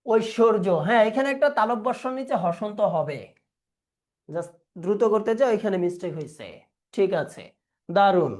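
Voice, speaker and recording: A man teaching an online revision class over a video call, quizzing students, reading their replies, and slowly repeating words to drill their pronunciation. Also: high-pitched, animated, a little mellow. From Bangladesh.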